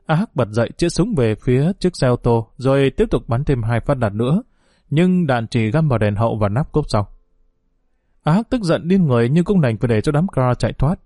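A man reads a dramatic story aloud with steady, even narration. His tone is dark and mellow, and the recording is close and dry. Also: mid-range voice, dry recording. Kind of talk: scripted audiobook narration.

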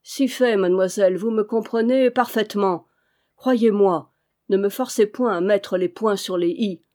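A cynical male servant who kills on orders, voiced by a woman reading the novel aloud. He speaks smoothly, with cool ironic insolence and a warm, mellow tone. An audiobook reading. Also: medium pitch, normal speed, lightly acted. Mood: insolent. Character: cynical mocking male valet, assassin.

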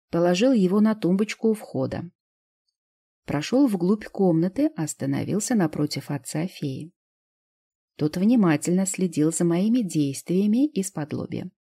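Woman audiobook narrator: measured reading, dark, husky tone. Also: fairly low pitch. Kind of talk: scripted first-person narration.

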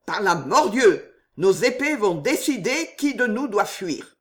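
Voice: medium pitch, animated, slow pace. A reader voicing a passionate young male knight in an audiobook, speaking in urgent, agitated outbursts. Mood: furious.

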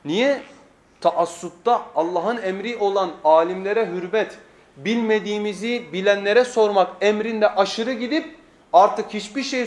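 Rhetorical questions and repeated phrases fill this emphatic weekly sermon lesson, preached by a man at a pulpit microphone. His voice is high.

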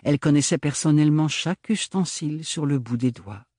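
A man narrating a novel as an audiobook reader, in measured, steady storytelling. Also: fairly high pitch, dry recording, clean studio sound. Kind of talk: scripted narration.

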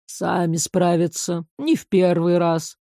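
A woman's voice: lowish voice, level tone, takes it slowly, warm tone, no room sound, clean studio sound, voice pushed down. A woman voicing an old male emperor who speaks in a weary, groaning way. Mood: proud. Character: gruff old male emperor on his throne.

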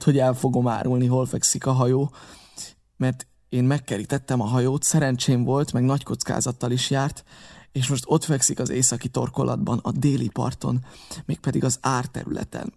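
A man's voice: mid-range voice, little pitch movement, vocal fry, dark tone. A man voicing an honest, earnest young cabin boy pleading with an elder, in an audiobook reading. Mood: firm.

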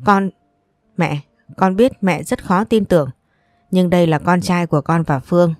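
A woman's voice: lowish voice, normal speed, darkish tone, dry recording, clean studio sound, natural voice. A woman voicing a cold young husband who speaks seriously and firmly. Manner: serious, firm.

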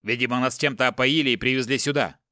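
A man's voice: medium pitch, steady tone, fast, sharp tone, dry recording, clean studio sound, close to an everyday voice. A man voicing a tough middle-aged father held captive, firm and reassuring. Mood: tense.

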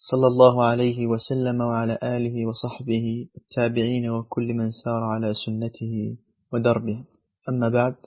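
Male religious teacher, husky voice, formal measured lesson delivery, dull lo-fi recording. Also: mid-range voice.

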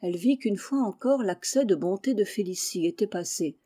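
A woman reading a children's novel aloud in a measured, clear way. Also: mid-range voice, lively intonation, mellow. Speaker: reader. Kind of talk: storybook narration.

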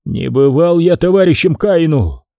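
A man's voice: on the high side, lively intonation, normal speed, dry recording, muffled recording, pitched above the performer's own voice. A man voicing a wounded, stoic prisoner who mutters in a weak, strained voice. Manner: muttering through clenched teeth, weak and strained.

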